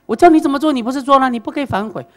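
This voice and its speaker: A wise old Zen master who explains patiently and teases a little, as a woman lecturer puts him on. The voice sits fairly low but swings widely in pitch as he drives his point home. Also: sing-song, normal speed. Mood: insistent. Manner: patient, lecturing, playful teasing.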